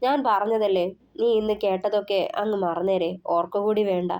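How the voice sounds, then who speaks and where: A woman voicing a caring young man who coaxes and gently teases his partner in an audio story. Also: mid-range voice, steady tone, normal speed, lightly acted. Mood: coaxing. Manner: coaxing, gently teasing.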